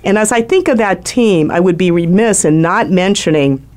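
A woman's voice: fairly low pitch, lively intonation, moderate pace. Chatty woman radio host. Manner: chatty, warm personal shout-outs. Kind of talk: casual radio talk. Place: radio studio.

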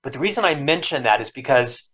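As a podcast guest in a reflective storytelling interview, this lifelong stutterer from Florida, a man in his fifties, shares personal stories with earnest emotion. He talks fast in an animated, mid-range voice that's a bit bright.

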